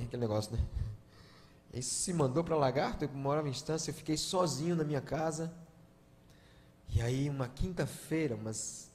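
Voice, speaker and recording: A guest pastor, preaching a sermon and telling stories, moving from hushed to loud emotional appeals. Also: male voice, a little high. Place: large church hall. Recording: long church-hall reverb.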